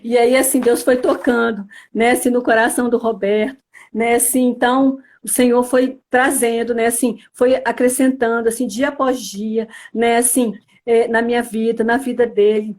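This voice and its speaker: A woman's voice: fairly high pitch, little pitch movement, normal speed, a little mellow. A woman with a Brazilian Portuguese accent from Espírito Santo, earnestly telling her religious testimony with many small fillers. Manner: earnest storytelling, filled with "né, assim". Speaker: church member giving testimony.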